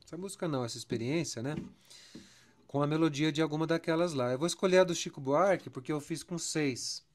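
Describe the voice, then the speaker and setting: A man's voice: fairly high pitch, fast. A man with a Brazilian Portuguese accent teaching a songwriting lesson, counting syllables aloud and stretching words as he goes. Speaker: music teacher.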